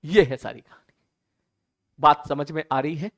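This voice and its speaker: A man teaching an online physics lesson, talking casually to students, often checking whether they follow and slowing right down to stress key sentences. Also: a little high, sharp tone.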